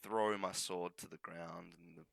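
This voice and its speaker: A man's voice: sits low, steady tone, measured pace, creaky, fairly bright tone, dry recording. A man playing a tabletop game, blunt, sighing and swearing as he talks. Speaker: player. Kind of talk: casual tabletop play.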